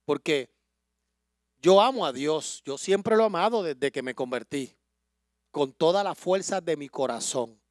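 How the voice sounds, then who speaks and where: A middle-aged male pastor preaches with deep emotion, his fairly high voice swelling into impassioned declarations. The sound is dry and close, with no room echo. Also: expressive, a little slow. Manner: emotional storytelling that builds to impassioned loud preaching. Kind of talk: sermon.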